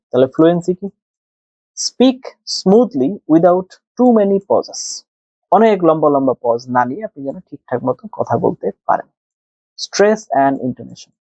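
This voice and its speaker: A man with a Bangladeshi accent teaches exam skills, putting a question and then answering it himself. His voice is mellow and a little dark. It is recorded close and dry on a dull, lo-fi mic. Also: on the high side, no echo. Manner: explains step by step, asks and answers his own questions. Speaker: exam tutor. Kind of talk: screen-share lesson mixing Bengali and English.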